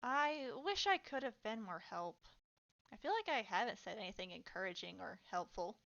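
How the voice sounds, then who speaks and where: A woman voicing an earnest, kind young woman mage who speaks softly, for a fan audio reading. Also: mid-range voice, expressive, normal speed, creaky, lo-fi sound. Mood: apologetic.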